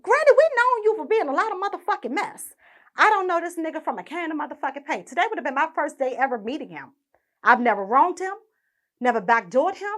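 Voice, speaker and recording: A woman's voice: high voice, expressive, quick pace, a bit bright. A young woman hosting her own podcast, ranting indignantly and swearing constantly. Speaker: podcast host. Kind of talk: profane ranting monologue.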